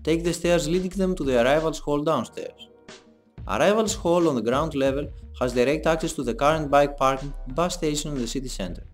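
A young man giving a scripted voice-over for a design presentation, in a measured, explanatory read. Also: a little high. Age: young adult. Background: soft background music.

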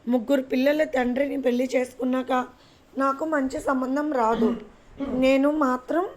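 A woman's voice: sits high, steady tone, moderate pace, natural voice. A woman voicing a stubborn, lovesick young woman in a storybook reading, speaking insistently. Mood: angry.

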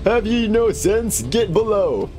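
Florid, theatrical wanderer, raised pitch and unhurried, voiced by a male streamer. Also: sing-song, music in the background, full character voice. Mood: urgent. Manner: florid, declamatory reading. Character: eloquent, theatrical male traveler. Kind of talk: reading game dialogue aloud in character.

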